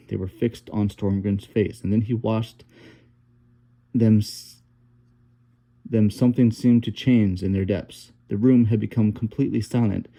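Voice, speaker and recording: A male audiobook narrator reads a novel at a steady, unhurried pace, stumbling over a word now and then. His voice sits low. The tone is very dark and mellow throughout. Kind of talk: reading a novel aloud.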